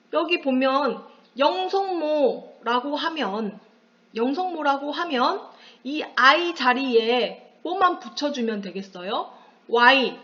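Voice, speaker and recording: Slow-paced woman teacher explaining patiently. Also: high voice, fairly bright tone, dull audio. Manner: patient, asks the class questions and answers them herself. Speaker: high school Chinese teacher. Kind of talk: classroom lecture on pinyin.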